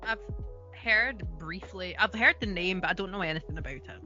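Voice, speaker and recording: A woman co-hosting a podcast in casual chat, mostly chiming in with quick reactions. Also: medium pitch, pushed and bright, muffled recording, faint music behind. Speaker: podcast co-host.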